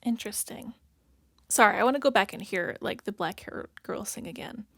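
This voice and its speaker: A woman's voice: medium pitch, normal speed, a bit bright, no echo. A woman chatting through a reaction video in a loose, rambling way, stopping often to hunt for the right word. Her speech is full of "like" and "if that makes sense." The sound is close and dry, with almost no room around it. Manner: thinks aloud, searching for words. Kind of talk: casual reaction commentary.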